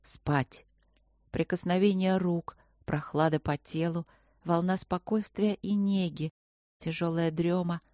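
A woman narrating an audiobook in first person, speaking softly with a feverish, breathless edge. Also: on the low side, steady tone, measured pace, dry recording, studio quality.

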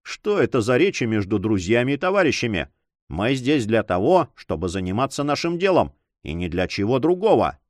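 Commanding leader, curt and businesslike, lively pitch, in a man's reading. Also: brisk, dry recording, studio quality, lightly acted. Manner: imperious, businesslike. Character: commanding male leader of the partners.

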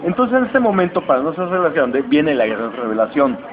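Mexican male podcast host, slangy storyteller, slightly high voice, lo-fi with clear noise. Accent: Mexican Spanish. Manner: animated, slangy, acts out lines in quick voices. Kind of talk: casual chat retelling a comic plot. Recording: dull lo-fi recording with steady noise.

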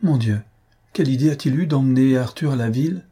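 A man's voice: mid-range voice, moderate pace, warm tone, breathy edge, voice pushed up, lightly acted. A man reading the part of a distraught young wife, in a raised, pleading and cutting tone. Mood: anguished. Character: young wife, anguished and bitterly defiant.

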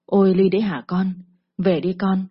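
A woman's voice: medium pitch, little pitch movement, moderate pace, husky, lo-fi sound, close to an everyday voice. A woman voicing an older village neighbor who speaks with pity. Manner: pitying.

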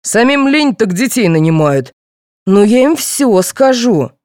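A woman reading the part of a blustering, quick-tempered middle-aged father who scolds and shouts. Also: on the high side, big pitch swings, dry recording, clean studio sound, voice pushed up. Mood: stern.

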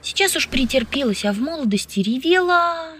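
A woman's voice: high-pitched, lively intonation, normal speed, a bit bright, a little hiss or hum, pitched above the performer's own voice. A woman reading an audiobook, voicing a bold, flirtatious, outspoken woman who teases freely. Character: brash, lively flirtatious woman scientist.

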